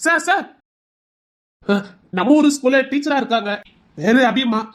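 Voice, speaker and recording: A man doing a jittery junior constable, high and eager. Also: lively intonation, normal speed, a bit bright. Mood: flustered. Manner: flustered, anxious asides. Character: nervous junior constable, fussy, comic.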